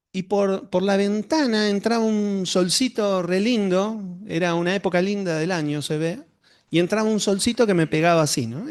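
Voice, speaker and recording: Male pastor, higher-set voice, dry close sound, conversational testimony. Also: no echo. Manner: conversational storytelling, addresses the congregation directly. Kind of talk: sermon with a personal testimony.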